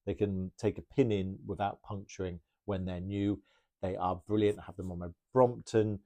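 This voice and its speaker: Low, mellow-voiced male bike mechanic. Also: fairly even intonation, normal speed. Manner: chatty, enthusiastic, rambling with restarts. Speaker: bike mechanic answering viewer questions. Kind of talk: casual Q&A talk.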